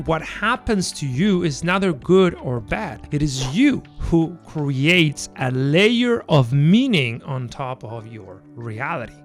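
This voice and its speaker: A Spanish-accented man in his thirties gives a motivational talk with a slightly raised pitch. He leans hard on key words, then lets each phrase drop low and quiet at its end. Soft music runs faintly beneath his voice. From Spain. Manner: emphatic, drops pitch and volume at phrase ends. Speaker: founder and host.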